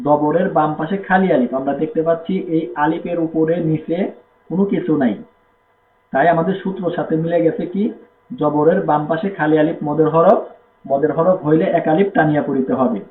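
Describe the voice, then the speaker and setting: A man with a Bangladeshi Bengali accent teaching Quran reading, explaining rules and then drilling letters and syllables slowly. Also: a little high, fairly even intonation. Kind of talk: step-by-step recitation lesson. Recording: echoey, tinny phone-like sound with faint noise.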